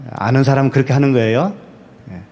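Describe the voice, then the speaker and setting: A man's voice: mid-range voice, fast talker, darkish tone. Male pastor preaching, keeps asking questions and answering them, repeats words to hammer the point. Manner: asks the congregation rhetorical questions and answers them himself; repeats key words for emphasis. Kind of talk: sermon.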